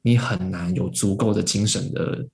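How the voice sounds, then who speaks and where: A podcast guest with a deep, gravelly voice tells a story conversationally at normal speed and a steady tone, with a crowd in the background. He uses many fillers and restarts, acting out the voices of the people involved, including his parents.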